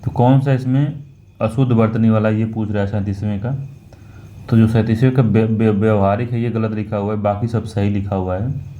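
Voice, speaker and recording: A man working through a Hindi exam paper as a teacher, slow and repetitive, often correcting himself. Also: fairly low pitch, fairly even intonation, dark tone, lo-fi sound. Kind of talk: talking through a Hindi test question by question.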